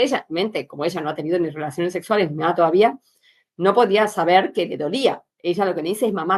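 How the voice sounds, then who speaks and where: A woman's voice: fairly low pitch, gravelly. A woman, a pelvic floor specialist giving an informal workshop talk, candid and chatty, talking straight to her listeners with frequent filler sounds.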